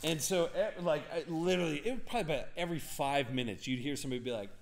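A young man hosting a live card break, chatting and rambling excitedly to viewers as he calls out cards. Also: a little high, very fast. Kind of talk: casual live-stream card break commentary.

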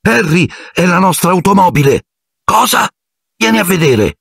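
A man voicing a frightened teenage boy who slips into a high falsetto, reading an audiobook. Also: very animated, moderate pace, husky, no echo, studio quality, full character voice. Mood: relieved. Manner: high, squeaky falsetto in panic.

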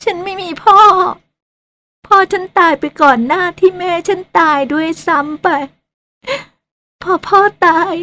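A woman's voice: very high-pitched, a little slow, pushed and bright, exaggerated voice. A woman voicing a tearful young ghost woman who wanders at night, sobbing, bitter and pleading, in a radio drama. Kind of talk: Thai radio drama acting.

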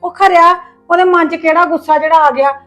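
A woman's voice: extremely high pitch, steady tone, brisk, soft background music. Woman playing a coaxing middle-aged mother-in-law. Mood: soothing. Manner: coaxing, reassuring, lecturing softly. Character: patient mother-in-law, soothing, gently advising. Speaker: actor in a family web drama. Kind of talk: acted family drama dialogue.

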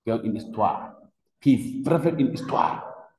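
A man's voice: on the low side, big pitch swings, measured pace, creaky, a little mellow. A man with a Senegalese French accent teaching a class, questioning students and repeating key words with emphasis. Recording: echoey classroom with long reverb.

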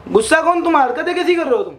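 A man's voice: very high-pitched, expressive, rapid-fire. A man, a restaurant customer in a prank, exasperated and scolding the waiter.

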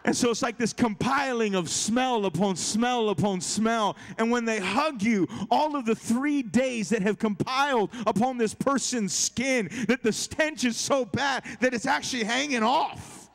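A man preaching a sermon as a youth pastor, animated and joking, acting out little stories with quoted voices. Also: extremely high pitch, a little slow, gravelly, few pauses. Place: large church hall. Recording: church hall with long reverb.

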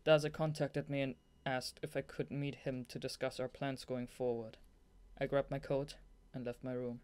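At normal speed and with a clean, mid-pitched tone, a young audiobook reader narrates a novel from script, punctuating passages with giggly, excitable blooper asides.

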